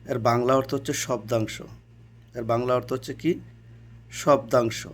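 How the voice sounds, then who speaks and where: Guy teaching english class, says stuff twice, asks a question then answers it, normal pitch. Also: steady tone, moderate pace. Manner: repeats key terms and asks then answers his own questions. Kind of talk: classroom lesson explaining to students.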